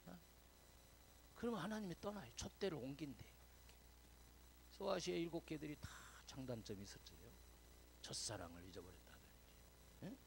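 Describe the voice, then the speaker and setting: Male pastor with a gravelly voice and lively pitch, chatty sermon with light background noise. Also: normal speed, pauses often. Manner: chatty, teasing, quizzes the congregation; drops to whispers, swells loud for emphasis. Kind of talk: conversational sermon.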